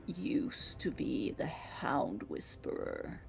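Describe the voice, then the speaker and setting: A woman voicing an imperious, cryptic animalistic spirit in a low gravelly growl, speaking in a formal, portentous way. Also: wildly swooping pitch, slow pace, darkish tone, soft background music, exaggerated voice. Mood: cryptic, tempting. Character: imprisoned animalistic ancient spirit, hellhound whisperer, imperious and cryptic.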